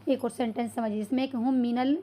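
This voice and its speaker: A slightly high, steady, mellow female voice guides an Arabic lesson. The teacher raises questions, answers them herself, and checks in often with "clear so far?", spelling out Arabic words at a slow pace.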